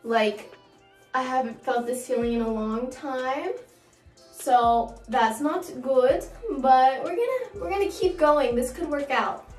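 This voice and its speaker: A young woman talks through a home vlog in a high, chatty voice, rambling and often restarting mid-thought. She sounds a little anxious as she goes. Soft background music sits faintly under her camera-mic audio. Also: slow pace. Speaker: beauty vlogger. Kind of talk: casual vlog chat.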